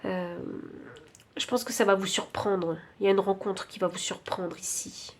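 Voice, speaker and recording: A woman with a French accent giving an intuitive tarot reading, thinking aloud with many pauses and fillers. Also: mid-range voice, fairly even intonation. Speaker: tarot card reader.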